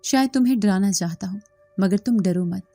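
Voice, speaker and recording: A woman voicing a lively young college friend who teases and laughs, in a storybook reading over a dry recording with faint music. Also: mid-range voice, a little fast, dry recording, close to an everyday voice. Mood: teasing. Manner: bubbly, laughing.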